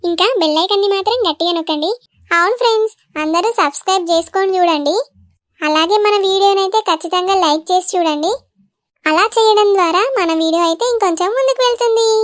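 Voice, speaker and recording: Telangana woman host, upbeat channel intro, high voice, dry close sound. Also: dry recording. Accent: Telangana Telugu. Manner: upbeat, direct to viewers.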